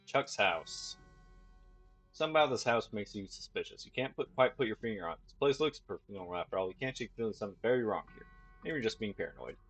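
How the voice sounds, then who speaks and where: A man's voice: fairly low pitch, lively intonation, fast, a bit bright, slightly rough, dry recording, soft background music, poor audio. A man reading a video game's text aloud as a let's play host, stumbling and restarting now and then. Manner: plain reading with slips and restarts.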